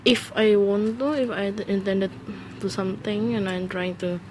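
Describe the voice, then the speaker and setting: This is a woman's first solo podcast, a casual monologue recorded on a phone alone at home; English isn't her first language, and she hesitates with many fillers and restarts. Her mid-range voice holds a steady tone at normal speed, with background noise present.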